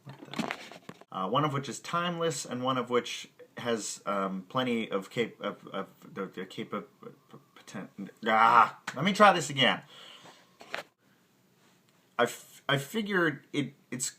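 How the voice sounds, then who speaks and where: Very animated and a little slow, the man's mid-range voice sounds pushed and bright. He hosts a music lesson podcast from the piano, and these casual outtakes find him stumbling over his phrasing, laughing at himself and muttering curses, with his own piano or guitar in the background.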